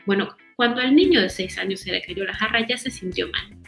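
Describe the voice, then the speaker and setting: A woman, a parenting guest expert, explains calmly. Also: medium pitch, brisk, vocal fry, roomy sound, soft background music. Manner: explains calmly, acts out scolding parents in a raised voice. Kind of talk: conversational podcast interview.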